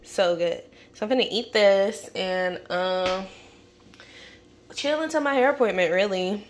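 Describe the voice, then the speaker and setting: A woman's voice: medium pitch, unhurried, a little hiss or hum. A young woman vlogging casually about her day, in chatty, slangy talk with casual swearing, recorded on a phone camera. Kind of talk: casual vlog chat. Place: home and car.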